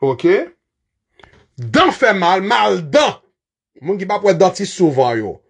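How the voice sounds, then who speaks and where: A man's voice: sits high, big pitch swings, slow, vocal fry, slightly rough. A man with a Haitian accent teaching English body-part words in a casual lesson, chatty, laughing often and spelling words out letter by letter.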